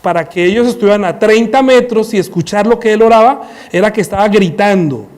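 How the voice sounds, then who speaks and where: A man preaching a sermon in church on a headset mic, animated, acting out scenes and firing rhetorical questions. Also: high voice, fairly quick.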